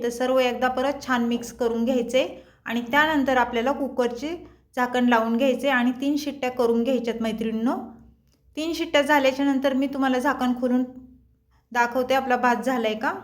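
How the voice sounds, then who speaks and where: A high-voiced woman walks viewers through a home cooking recipe. She talks in a chatty, friendly way and addresses her audience as friends. Her speech stays light and conversational. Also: steady tone, brisk. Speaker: cooking channel host.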